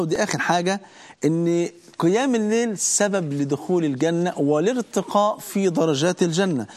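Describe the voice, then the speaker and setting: A man's voice: a little high, a little mellow. A man with an Egyptian Arabic accent preaching a sermon, emphatic and full of rhetorical questions to his listeners.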